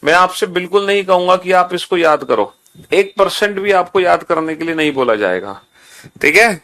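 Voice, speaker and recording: A man's voice: sits high, expressive, normal speed, pushed and bright, a little hiss or hum. A male teacher giving an exam-prep lecture, repeating instructions again and again and calling the students "beta". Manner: repetitive drilling instructions, calls students beta.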